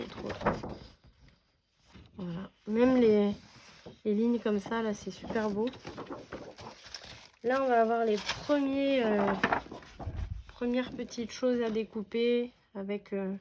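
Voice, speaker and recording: A woman chatting casually as she unboxes scrapbooking paper, enthusiastic and full of fillers. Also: a little high. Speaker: scrapbooking vlogger. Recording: noisy room with paper crinkling.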